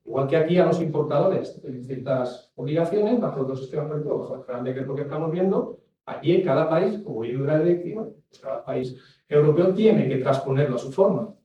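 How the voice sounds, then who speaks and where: A man's voice: fairly high pitch, expressive, a little fast, dark tone, dull audio. A man giving a rambling talk as an industry expert, restarting and adding asides. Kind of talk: talk on packaging regulation. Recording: echoey room from far off mic.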